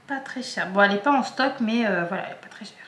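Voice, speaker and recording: A woman's voice: medium pitch, animated, fast talker, fairly bright tone, roomy sound, slight background noise. A woman vlogger chatting casually and hesitantly, with many fillers and restarts. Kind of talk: casual chat.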